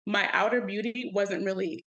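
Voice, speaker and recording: A young woman co-hosting a podcast, talking candidly in relaxed slangy chat and laughing often. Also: medium pitch, normal speed, lo-fi sound. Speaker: podcast co-host. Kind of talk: casual chat.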